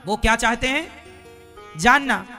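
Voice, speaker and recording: High bright-voiced male preacher. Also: measured pace, soft background music. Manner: folksy, asks the audience questions. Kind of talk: storytelling sermon.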